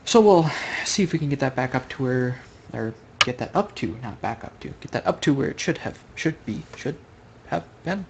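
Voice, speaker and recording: A man's voice: mid-range voice, expressive, normal speed, gravelly, noisy background. A man commentating on his own online Go game in a loose, rambling way, thinking aloud and correcting himself mid-sentence, recorded at home at a computer. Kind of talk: casual live game commentary.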